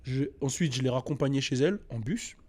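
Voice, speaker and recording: A man host telling a personal story in a casual, animated, slangy way, with many restarts and repeats. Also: mid-range voice, fairly quick.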